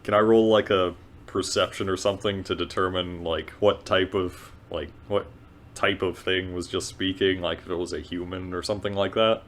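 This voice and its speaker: A man chatting casually as a player in a tabletop game, thinking aloud in a halting way. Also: sits low, steady tone.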